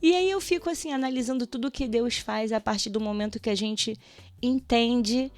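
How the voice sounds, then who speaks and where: Higher-voiced woman giving a lively testimony. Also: normal speed, no room sound. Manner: animated storytelling, acts out prayers and dialogue, laughs often. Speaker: radio show guest, teacher. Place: radio studio.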